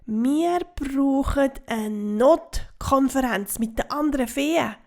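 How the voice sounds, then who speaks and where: A woman doing an excited little insect boy, Swiss German. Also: high voice, slow pace, voice pushed up. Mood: urgent. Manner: excited, urgent exclamations. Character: small helpful male insect friend.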